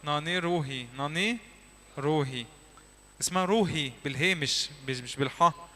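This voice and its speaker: A man with an Egyptian Arabic accent teaching a church class, quizzing the listeners and repeating words slowly so they echo them back. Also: a little high, sharp tone. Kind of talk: lively classroom teaching with drills. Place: church hall.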